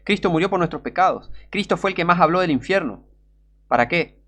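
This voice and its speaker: A man's voice: high-pitched, animated, fairly quick. Urgent Rioplatense man preaching. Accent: Rioplatense Spanish. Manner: urgent, pleading, rises to shouting in outbursts. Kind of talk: sermon.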